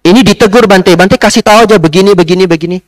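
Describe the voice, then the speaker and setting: A man's voice: sits high, quick pace, voice pushed up, close to an everyday voice. A man voicing a pushy young man who urgently reports on others and demands action.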